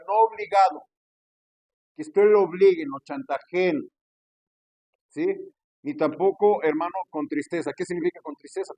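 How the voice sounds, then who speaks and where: A male pastor preaches in a fairly high voice, calling out to his congregation as he goes. The sound is dry and close, with little room around it. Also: a little mellow, dry recording. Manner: preaching with frequent call-outs to the congregation; acts out quoted pastors with pushy raised voice. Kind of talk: sermon.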